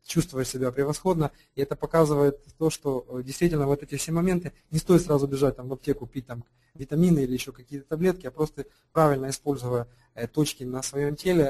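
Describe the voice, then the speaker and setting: A man speaks off the cuff as an alternative health practitioner, his voice mellow and dark in tone at a middling pitch. He hesitates often, filling gaps and restarting phrases as he explains. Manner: hesitant, many fillers and restarts. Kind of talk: unscripted explanatory talk.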